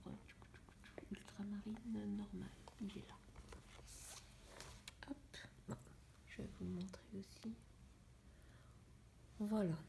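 A young woman chatting in a casual coloring vlog, musing to herself in a soft, often half-whispered voice. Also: mid-range voice, creaky, noisy background. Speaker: vlogger. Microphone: phone camera.

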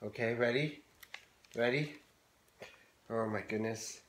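Giggly mock-excited woman, roomy echo. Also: rumbling low, slow, slight background noise. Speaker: parent vlogger. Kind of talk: casual home video. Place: home in the morning.

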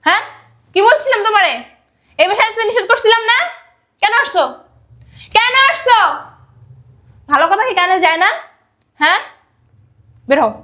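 A woman playing a scornful, greedy middle-aged mother-in-law who scolds and shouts orders in a web drama. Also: very high-pitched, lively intonation, a little fast, long pauses, reverberant, exaggerated voice. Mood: scolding. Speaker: actor. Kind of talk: low-budget web drama acting.

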